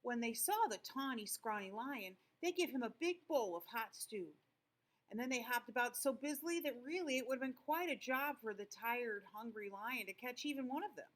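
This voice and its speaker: An older woman reading a children's storybook aloud in the expressive manner of a sweet old lady. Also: a little high, moderate pace, poor audio.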